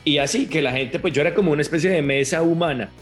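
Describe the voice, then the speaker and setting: A man with a Colombian accent telling stories in a casual chat with friends, animated, laughing often and full of slang. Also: on the high side, fast talker, over loud music.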